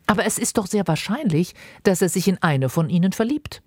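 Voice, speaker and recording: A woman reading aloud and voicing a fussy, excitable middle-aged mother who is desperate to marry off her daughters, speaking in a shrill, insistent, gushing way. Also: a little fast, dry recording, studio quality. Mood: eager, insistent. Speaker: reader. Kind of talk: dramatized audiobook reading.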